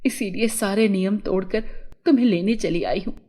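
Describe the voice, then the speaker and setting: A woman voicing a brave, caring fairy mother in a cartoon story, speaking lower and firm. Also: moderate pace, dark tone, lightly acted. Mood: determined, tender.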